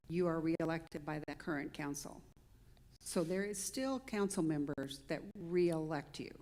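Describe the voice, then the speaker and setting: A woman's voice: low-pitched, a little mellow. A woman on a charter commission, directly questioning and pushing back in a public meeting discussion. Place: large council chamber. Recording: echoey meeting room.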